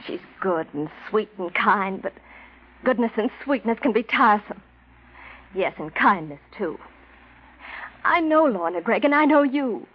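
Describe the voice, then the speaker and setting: A woman playing a passionate, possessive young woman in a 1940s radio drama, speaking in an intense, theatrical, breathy way. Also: medium pitch, lively intonation, unhurried, pauses often. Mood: persuasive. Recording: dull 1940s radio recording.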